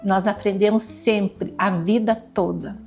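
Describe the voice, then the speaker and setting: A woman's voice: mid-range voice, fairly even intonation, unhurried, darkish tone, soft background music. A woman educator, a guest in an interview, explaining her method in a patient, teacherly way and repeating examples.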